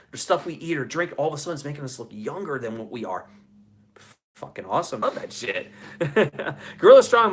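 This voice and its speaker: A man in his forties, with a fairly high and slightly bright voice, hosts a casual livestream. He enthusiastically reads audience comments aloud using chummy, profane slang.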